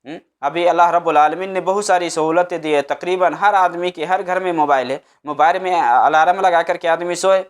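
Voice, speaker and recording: Speaking a little fast with hardly any pauses, this slightly high-voiced man answers a religious question as an Islamic preacher with fairly even intonation. He is emphatic and instructive, restating points in brief phrases.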